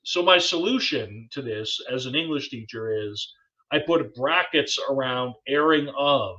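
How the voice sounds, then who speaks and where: A man's voice: medium pitch, animated, measured pace, sharp tone, highs cut off. A man co-hosting a podcast in casual chat, a former English teacher who talks in a playful, wordy, jokey way. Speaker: podcast co-host.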